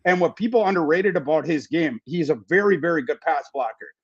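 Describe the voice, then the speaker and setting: A man giving fantasy football analysis in a casual podcast chat, talking quickly and restarting his sentences. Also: on the high side, animated, husky, highs cut off. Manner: fast, repeats words and restarts often.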